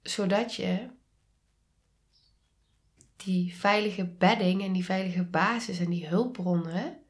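A woman with a Dutch accent hosting a reflective solo podcast, speaking calmly and softly and often dropping into a whisper. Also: medium pitch. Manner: slow, calm, soft-spoken, drops to whispers. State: sneezing. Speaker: podcast host and coach.

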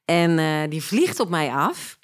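A woman with a Flemish accent, hosting a podcast and telling a personal story in an animated, sarcastic way. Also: deep voice, takes it slowly. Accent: Flemish Belgian. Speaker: podcast host. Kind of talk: casual storytelling.

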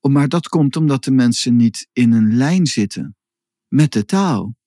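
A man co-hosting a podcast, explaining spiritual ideas in an unhurried, reflective way. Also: medium pitch, animated, warm tone, no echo, clean studio sound. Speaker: podcast host. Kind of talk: casual podcast conversation.

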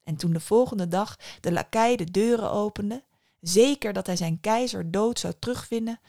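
Calm woman reading a fairy tale. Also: medium pitch, vocal fry, no room sound, clean studio sound. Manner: calm, measured storytelling. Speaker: podcast host and storyteller.

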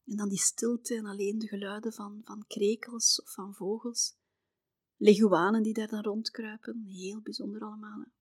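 A woman's voice: mid-range voice, little pitch movement, normal speed, breathy edge, no room sound, studio quality. Chatty Flemish woman telling travel stories. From Belgium. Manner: chatty, tags sentences with "hè", often drops to a soft near-whisper. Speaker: podcast host. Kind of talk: personal travel storytelling.

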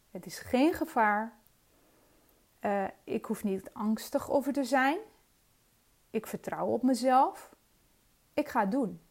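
A middle-aged woman hosting her own coaching podcast, talking earnestly and reflectively with frequent hesitations. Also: a little high. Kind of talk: personal solo podcast talk.

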